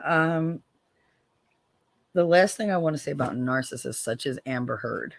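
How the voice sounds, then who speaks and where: This American livestream host has an expressive voice with vocal fry, a moderate pace, and no echo. Going through viewer comments in a casual stream, she is profane and direct, sliding from low, worn-out tones into pointed sarcastic digs.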